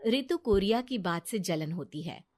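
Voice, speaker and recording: A woman narrating a cartoon story in a plain, steady way. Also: mid-range voice, normal speed.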